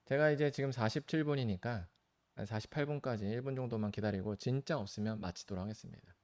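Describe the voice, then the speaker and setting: Guy pastor doing a live stream q&a, earnest, kinda pleading, punches key words up high. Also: fast, darkish tone. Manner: earnest and pleading, stresses words with sudden lifts. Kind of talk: live-streamed teaching with viewer Q&A.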